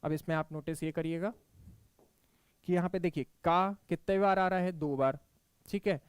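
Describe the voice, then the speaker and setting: A man from Madhya Pradesh giving an exam-prep Hindi grammar lecture, explaining step by step, checking in often and reciting verse examples slowly. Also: on the high side, fairly even intonation, clean tone, no room sound. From Madhya Pradesh, India. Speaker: teacher.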